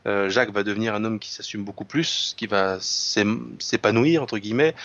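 Low-voiced man on a dull line. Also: moderate pace, a bit bright. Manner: hesitant, many restarts and fillers. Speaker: radio show guest discussing literature. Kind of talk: casual conversation about a novel.

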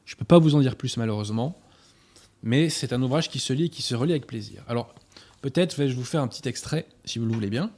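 A man hosting a talk, presenting novels and reading passages aloud in a measured, sometimes hesitant way. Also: medium pitch, expressive, darkish tone. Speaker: host presenting books. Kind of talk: book presentation and read-aloud.

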